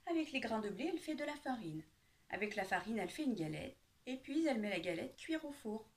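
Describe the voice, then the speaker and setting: Expressive woman reading a storybook. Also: a little high, a little fast. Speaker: children's book reader. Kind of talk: storybook read-aloud.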